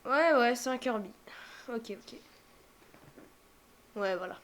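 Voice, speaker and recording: A young woman casually reacting out loud to a game showcase, thinking aloud with many fillers and now and then dropping to a whisper. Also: fairly high pitch, animated, takes it slowly, slight background noise. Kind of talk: casual live reaction commentary.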